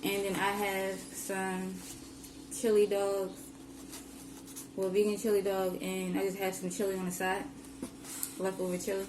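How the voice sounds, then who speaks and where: A woman's voice: medium pitch, measured pace, pauses often. A young woman hosting a vlog, chatting casually to camera with lots of "like" and "um" fillers. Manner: chatty, rambling, many "like" and "um" fillers. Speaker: vlogger host. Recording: roomy with steady background noise.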